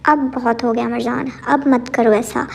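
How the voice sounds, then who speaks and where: A woman's voice: on the high side, level tone, moderate pace, gravelly. A woman reading aloud the lines of an angry, desperate young man in love, in a demanding, insistent way.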